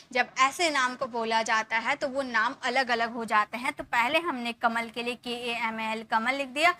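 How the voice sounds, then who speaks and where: A woman gives a classroom lesson in a high, bright voice. She explains patiently step by step, repeats herself, and asks questions she answers herself. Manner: patient, repetitive explaining with many rhetorical questions. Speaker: English teacher.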